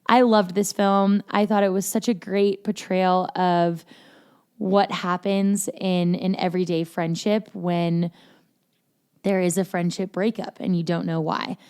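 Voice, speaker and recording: A woman talks through a film on her casual review podcast, rambling with plenty of "um" and "anyways". Her voice is smooth and clear, sitting a little low for a woman. She sounds relaxed and a bit self-deprecating. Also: unhurried. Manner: chatty, filler-heavy, self-deprecating. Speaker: podcast host.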